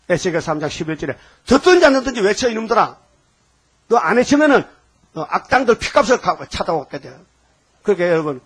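An older man preaching a fiery sermon as pastor, firing rhetorical questions at the congregation and swinging between shouts and low, hushed lines. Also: husky.

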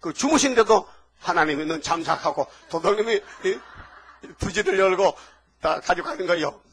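A man's voice: high-pitched, animated, moderate pace, fairly bright tone. A man preaching a sermon in an emphatic, colloquial way, telling stories and constantly prodding the congregation with rhetorical questions. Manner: colloquial storytelling with laughs. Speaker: pastor.

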